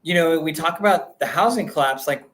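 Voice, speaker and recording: A man's voice: fairly high pitch, a little fast, fairly bright tone. A man co-hosting a real estate podcast, thinking aloud in casual chat and filling his sentences with "like.". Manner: thinks aloud, heavy use of "like".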